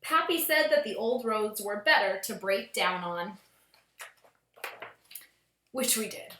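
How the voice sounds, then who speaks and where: A woman with a medium-pitched voice reads a children's story slowly and expressively, in a schoolteacher's style. The home recording has a roomy sound and a little hiss or hum.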